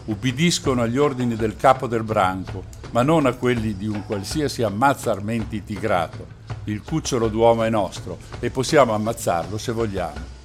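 Guy reading a serious calm dad wolf, storybook style, soft music under. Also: fairly low pitch, close to an everyday voice. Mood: grave. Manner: grave and measured. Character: grave steady father wolf.

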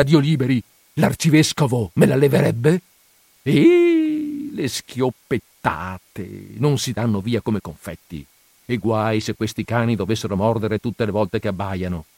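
A man's voice: mid-range voice, animated, measured pace, darkish tone, no echo. Don Abbondio, a man doing a fretful old priest. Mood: exasperated. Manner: fretful, whining and exasperated, with sighs. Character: anxious, fearful elderly country priest.

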